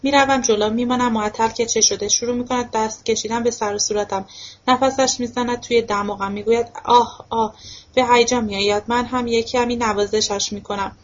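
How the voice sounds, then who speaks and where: A woman reading a novel aloud in steady first-person narration for an audiobook, on a dull lo-fi recording. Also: a little high. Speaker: audiobook reader.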